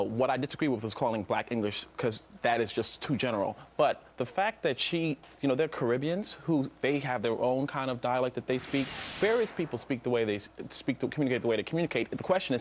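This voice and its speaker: A man speaking as a guest in a live TV panel debate, making measured, qualified arguments. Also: medium pitch, a little hiss or hum.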